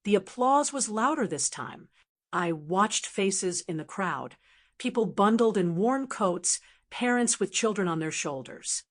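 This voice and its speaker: A woman's voice: mid-range voice, lively intonation, measured pace. Woman narrating with cynical wit. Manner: cynical, wry. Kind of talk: first-person audiobook narration.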